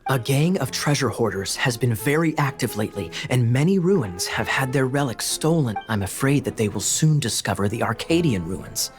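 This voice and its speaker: An actor playing a theatrical, scheming cavalry captain in a video game, dramatic and grandiose, with music behind him. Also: male voice, mid-range voice, lively intonation, normal speed, hardly any pauses, lightly acted. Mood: conspiratorial.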